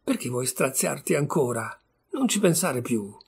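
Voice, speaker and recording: An anxious mother begs and pleads in a timid, imploring way, voiced by a man reading the story. The voice sits a little higher, with a gravelly, husky edge. Audiobook storytelling. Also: big pitch swings, unhurried, full character voice. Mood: pleading.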